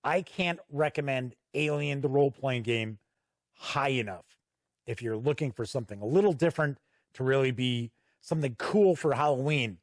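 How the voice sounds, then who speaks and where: This tabletop game reviewer and channel host gives a casual, unscripted video review, talking conversationally and leaning on key words. His medium-pitched voice runs at normal speed, recorded dry with clean studio sound.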